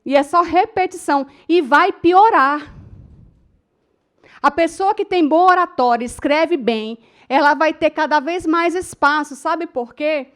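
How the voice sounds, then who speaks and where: A middle-aged Brazilian woman teaches a class on public speaking, her high voice moving at a measured pace. She tells stories with strong emotion in a Brazilian Portuguese accent, often turning to her students and calling them "gente."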